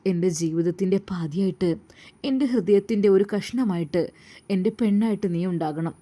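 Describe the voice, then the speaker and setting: A loving, earnest young husband from a storybook, voiced by a woman narrator. He speaks in long, gentle, heartfelt lines with a mellow tone. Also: medium pitch, moderate pace, natural voice.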